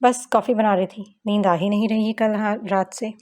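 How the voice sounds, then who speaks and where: A woman reading an audiobook novel, voicing a shy young woman in love who speaks softly and hesitantly. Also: medium pitch, steady tone, normal speed, natural voice. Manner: soft, hesitant.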